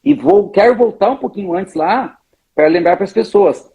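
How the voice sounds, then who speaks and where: A man speaks in a husky, slightly breathy voice that sits high for a man. He talks emphatically, illustrating his points with little stories in a conversational interview. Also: lively intonation, a little fast, mellow. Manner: emphatic, tells stories, often addresses the other speaker by name. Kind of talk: animated conversational explanation.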